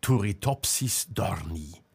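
A man's voice: sits low, expressive, slow, creaky, darkish tone, husky, full character voice. A man voicing a puzzled male companion, a psychologist, who asks hesitant questions in an audiobook.

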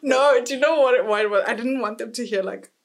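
A woman's voice: on the high side, fast talker. A young woman co-hosting a podcast, chatting casually with giggly, teasing quips. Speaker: podcast co-host. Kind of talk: casual chat.

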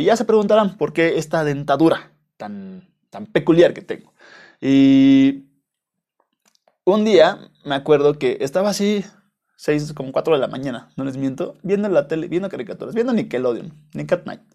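Young mexican guy hosting a podcast, rambling and sweary, voice sits a bit high. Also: animated, moderate pace, dark tone. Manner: rambling, slangy and profane, with frequent restarts. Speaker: podcast host. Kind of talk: casual monologue storytelling.

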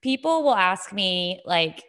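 A woman's voice: mid-range voice, big pitch swings, takes it slowly, fairly bright tone. A woman hosting a casual podcast chat, recorded in an echoing gym. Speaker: podcast host. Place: indoor gym with strong echo. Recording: echoing gym, long reverb.

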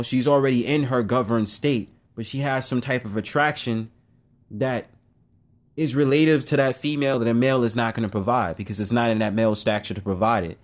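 A young man hosting his own show, giving a casual, blunt opinion monologue that rambles and circles back on itself. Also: medium pitch. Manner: rambling, blunt, repeats himself. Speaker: show host.

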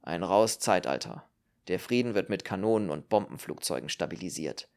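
A man's voice: low-pitched, lively intonation, moderate pace, a little mellow, voice pushed down. A man voicing a world-weary, cynical male politician with dry, sardonic remarks in an audiobook. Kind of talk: audiobook character reading.

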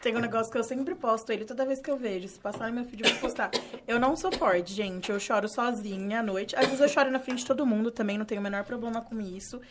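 A woman's voice: on the high side, fast talker, noisy background. A woman, co-hosting a podcast and speaking candidly and reflectively in casual chat. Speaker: podcast co-host.

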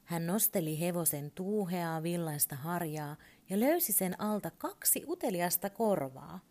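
Woman, low voice, children's story reading, calm, expressive.

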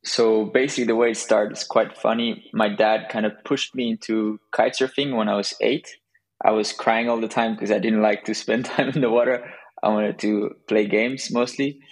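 A young man from Belgium, a guest in a podcast interview, talking in a relaxed way with frequent restarts and laughs. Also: lowish voice, moderate pace, low-quality recording. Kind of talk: conversational interview.

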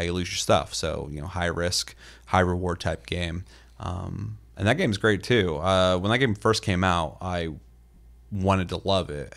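A man's voice: sits low, fairly bright tone. A man co-hosting a gaming podcast, telling stories in a rambling, casual way full of fillers and the odd swear word. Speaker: podcast co-host.

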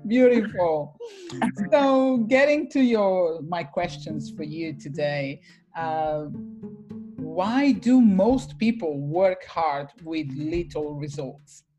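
A woman's voice: on the low side, animated, slow, music in the background. A woman hosting a podcast interview, upbeat and welcoming as she introduces and questions her guest. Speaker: podcast host.

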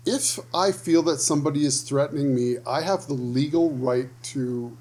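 A man chatting casually with his co-host, spinning long stories with plenty of swearing. He acts out the lines of the people he quotes as he goes. His voice sits at an ordinary middle pitch. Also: normal speed, darkish tone. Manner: profane storyteller, acts out quoted dialogue. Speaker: podcast co-host. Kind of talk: casual chat.

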